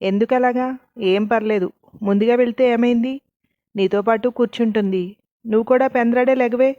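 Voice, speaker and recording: A woman's voice: fairly high pitch, steady tone, normal speed, dry recording, muffled recording, pitched above the performer's own voice, lightly acted. A woman voicing a bossy, caring middle-aged aunt in a storybook reading, giving commands in a scolding tone.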